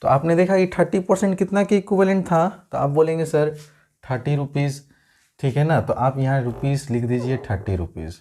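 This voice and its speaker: A man's voice: fairly high pitch, brisk, few pauses, dark tone. A man teaching a maths lesson step by step, asking his students questions and answering them himself. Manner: speaks the students' replies for them. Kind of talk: classroom lesson.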